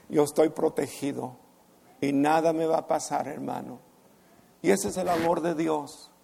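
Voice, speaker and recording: A man preaching a heartfelt sermon at a church service, pausing often and addressing listeners as brother. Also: a little high, gravelly, darkish tone. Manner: slow, heartfelt preaching with long pauses, calls listeners brother. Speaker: pastor.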